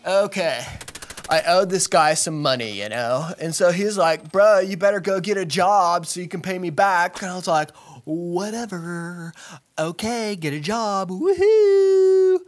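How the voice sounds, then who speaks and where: A man's voice: sits high, a little slow, soft background music. A man playing a dim, laid-back young surfer dude who rambles slangily, saying dude and bro constantly. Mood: rambling. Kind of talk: comic monologue.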